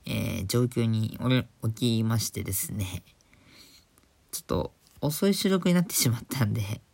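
A man hosts his own casual talk show, keeping his voice low because it is late at night. He rambles with many fillers and giggles now and then at his own jokes. It is recorded indoors on a phone. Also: expressive, normal speed, creaky, husky. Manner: hushed, holding back volume for a late recording. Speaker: podcast host. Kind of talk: casual solo radio talk.

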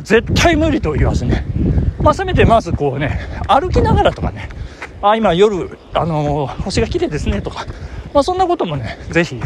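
High-pitched man chatting while running outdoors. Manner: talking while running, with controlled breathing; polite, chatty delivery with exclamations. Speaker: podcast host reading listener mail. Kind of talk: casual solo chat recorded on the move. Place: outdoors on the move along a road. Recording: windy outdoor recording with traffic noise.

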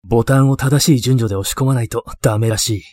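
A man voicing an eccentric, obsessive male occult enthusiast in a ghost story, terse, low-key and matter-of-fact. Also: fast, darkish tone, dry recording, studio quality, lightly acted. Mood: absorbed, deadpan. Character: eccentric, obsessive male occult-loving mentor, deadpan and wistful.

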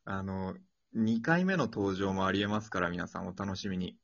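The host of an improvised radio drama series chats informally after a performance, using colloquial phrasing in a low, creaky voice at a normal speed. It's casual post-show talk captured on dull lo-fi audio.

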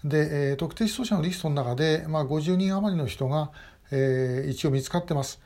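Middle-aged man, mellow tone, unhurried commentary full of "um"s. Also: a little high. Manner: measured, with frequent hesitation fillers. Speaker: host of a short message broadcast. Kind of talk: casual spoken commentary. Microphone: phone or webcam video selfie.

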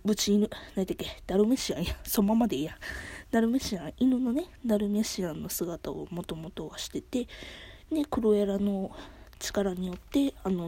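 Woman, middle-aged, Kansai accent, husky, casual solo podcast chat. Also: mid-range voice, dark tone. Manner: rambling, self-correcting, chatty. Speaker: podcast host.

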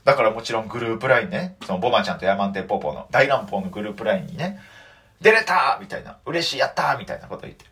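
A young man with a Kansai accent telling stories on his solo talk show, animated and mock-outraged in his asides. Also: lowish voice, racing, hardly any pauses. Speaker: comedian and podcast host.

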